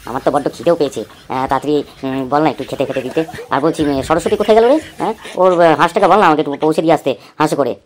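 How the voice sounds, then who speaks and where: A woman's voice: deep voice, rapid-fire, few pauses, a little mellow, close to an everyday voice. A woman voicing a lazy, sleepy, food-loving male god and father in a cartoon, with a rambling, grumbling, easygoing manner. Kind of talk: cartoon voice acting.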